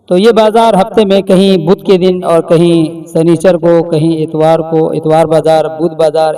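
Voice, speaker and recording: A man teaching a beginner reading lesson, slowly sounding out each word, repeating it and quizzing the listener. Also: high voice, dark tone, distant mic.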